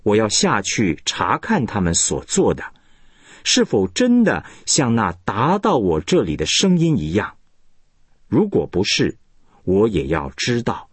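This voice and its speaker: God speaks solemnly and with measured weight, as a man reading scripture voices him. The delivery is slow and husky, with a low voice. Its intonation is wide and expressive. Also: no room sound, full character voice.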